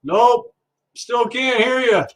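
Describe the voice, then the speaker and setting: A man with an extremely high-pitched, slow voice hosts a casual livestream, chatting easily and sociably with his viewers while he works on scrap.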